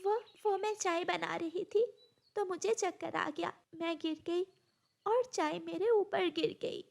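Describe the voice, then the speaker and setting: A woman voicing a gentle, meek young bride sparrow in a cartoon, speaking in a pleading, timid way. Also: very high-pitched, measured pace, vocal fry, voice pushed up, full character voice.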